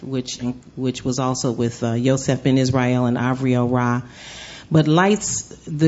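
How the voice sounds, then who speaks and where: A woman's voice: deep voice, warm tone. Reflective woman with a slightly lo-fi sound. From Chicago, United States. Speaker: jazz vocalist, interview guest. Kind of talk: live radio interview. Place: live broadcast from a venue.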